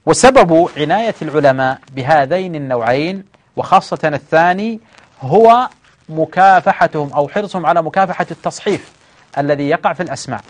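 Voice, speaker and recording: Male lecturer, fairly high pitch, patient explaining style, frequent restarts and filler sounds, keeps asking if it's clear. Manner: explains patiently, often checks understanding with "clear?". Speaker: teacher of hadith sciences. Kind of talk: classroom lecture.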